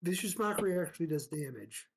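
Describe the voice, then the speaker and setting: A player at a tabletop game asking rules questions in a halting way with many fillers. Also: mid-range voice, very animated, creaky, husky. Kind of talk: casual game talk.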